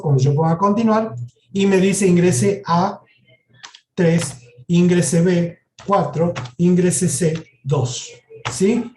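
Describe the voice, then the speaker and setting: A man whose high-pitched voice has a darkish tone explains programming step by step to university students during a live lecture with a software demo. He checks in with them often; the echoey classroom recording carries a little hiss or hum.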